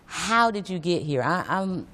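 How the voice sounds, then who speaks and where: Lady talk show host, chatty n informal, lower voice, big echoey room. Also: expressive, a little slow, fairly bright tone. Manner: informal, exclaiming in reaction. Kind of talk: casual chatty interviewing. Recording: reverberant hall sound.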